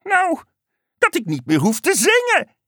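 A woman's voice: very high-pitched, wildly swooping pitch, unhurried, pushed and bright, dry recording, clean studio sound, pitched above the performer's own voice, exaggerated voice. A woman voicing a cheerful male frog in a children's story, squealing and exuberant. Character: overjoyed cheerful male frog, always happy. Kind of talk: storybook character voice.

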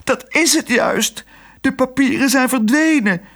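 A man doing a shrill wailing nurse. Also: huge pitch swings, measured pace, heavily acted. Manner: wailing, desperate, high-pitched. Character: shrill flustered middle-aged nurse woman.

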